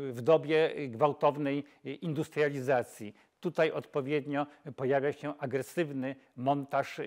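An older man talks as a film expert in a slightly raised pitch. He speaks in measured phrases, often pausing and correcting himself mid-word. It sounds like a lapel mic in a quiet studio. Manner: measured, with frequent hesitations and self-corrections. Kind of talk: film lecture. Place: dark studio, seated on camera.

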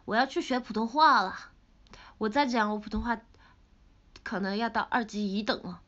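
A young woman with a Sichuan-flavored Mandarin accent, chatting playfully on a livestream and reading comments, pouty and quick to laugh. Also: on the high side, a bit bright. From Sichuan, China. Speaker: idol livestreamer. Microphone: phone camera. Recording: dull lo-fi livestream audio.

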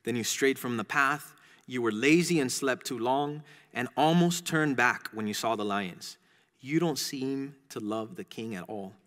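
A man reading the lines of a mocking, accusing male dragon from a children's storybook, slow and taunting. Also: mid-range voice, fairly bright tone, natural voice. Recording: long church reverb.

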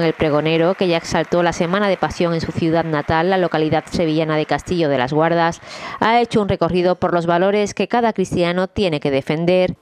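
A woman's voice: on the low side, a little mellow, a little hiss or hum. A woman reading a scripted news report as a reporter, in a formal manner.

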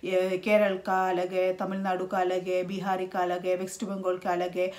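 A woman, talking casually to camera in a halting way with many restarts. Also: lowish voice, completely flat delivery, darkish tone. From India. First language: Malayalam. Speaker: vlogger.

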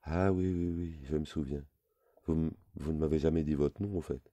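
A drunk, heartbroken aging Frenchman who murmurs in a subdued, very low and dark voice, as the man reading the book puts him on. The sound is close and dry, with no room around it. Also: steady tone, normal speed, no echo, dull audio. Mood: dazed.

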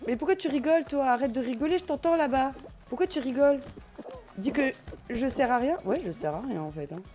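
A young woman streaming a party game, commenting in an excitable, laughing, self-mocking way. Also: sits high, brisk. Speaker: gaming streamer. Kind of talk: live let's play commentary. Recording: faint game music behind.

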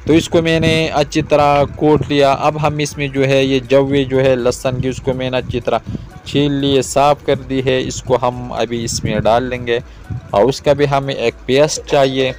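A man in his thirties from Pakistan, hosting a cooking video and calmly explaining each step to viewers outdoors. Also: mid-range voice, moderate pace, faint music behind. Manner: calm, repetitive explaining, addresses viewers directly. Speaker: cooking channel host. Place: outdoors in a garden yard.

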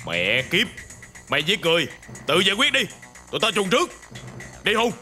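An actor playing a rough, rude male kidnapper in a TV drama. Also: high voice, wildly swooping pitch, moderate pace. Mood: gruff. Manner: gruff, rude. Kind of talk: TV drama acting. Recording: TV drama with music underscore.

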